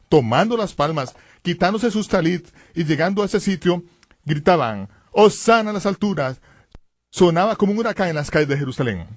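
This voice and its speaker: Emphatic guy preaching bible stuff, fairly high voice, dry booth sound. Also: no echo. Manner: emphatic, builds to loud dramatic exclamations. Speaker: Bible teacher. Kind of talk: dramatic dubbed Bible teaching.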